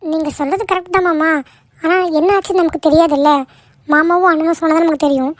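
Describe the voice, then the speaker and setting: A woman's voice: very high-pitched, steady tone, quick pace, no room sound, studio quality. A woman voicing a caring young daughter-in-law in a cartoon, pleading and soothing. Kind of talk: cartoon voice acting.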